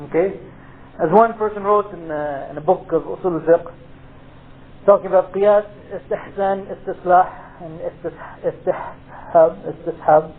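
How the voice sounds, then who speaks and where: High-pitched male lecturer on tinny tape. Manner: explanatory, pausing for checks like "okay", peppered with Arabic terms. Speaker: Islamic studies teacher. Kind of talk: informal lecture with question and answer. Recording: tinny phone-like lecture tape, faint noise.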